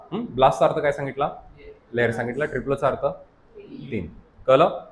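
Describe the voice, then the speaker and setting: A man's voice: a little high, slight background noise. Man teaching class, keeps asking "got it?". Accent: Marathi. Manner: constantly checks understanding with quick questions to the class; mixes English terms into Marathi teaching. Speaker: science teacher at a coaching academy. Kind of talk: classroom lecture.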